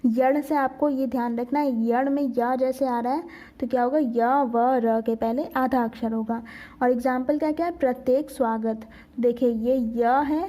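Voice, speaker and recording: A woman's voice: high voice, dark tone. A young woman teaching a grammar lesson, explaining step by step, asking questions and answering them herself. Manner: explains step by step, often checking "ठीक है".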